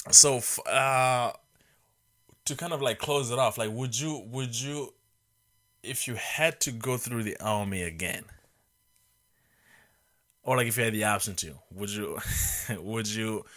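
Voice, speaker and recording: A man's voice: fairly low pitch, measured pace, long pauses, a bit bright. A man in his twenties hosting a podcast in casual chat, rambling and joking, with many restarts. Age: 20s. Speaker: podcast host.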